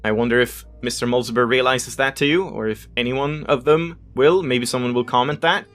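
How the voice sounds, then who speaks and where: A man speaks fairly quickly in a mid-range, slightly bright voice with fairly even intonation. Hosting a let's play, he reads in-game text aloud with casual asides, occasionally stumbling on unfamiliar words and self-correcting; game music sits behind his voice.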